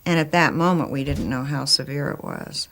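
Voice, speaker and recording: A woman's voice: deep voice, normal speed, fairly bright tone, slight background noise. A woman recalling the past in a documentary interview, speaking emphatically and with feeling. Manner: emotional, emphatic. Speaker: interviewee, astronaut's wife.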